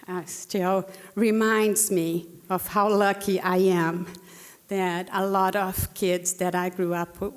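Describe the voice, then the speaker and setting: A Brazilian woman in her sixties, speaking with a Brazilian Portuguese accent, shares a personal story earnestly as a panelist, using fillers and restarts. Her voice is mid-range with a darkish tone, and a long hall reverb surrounds it.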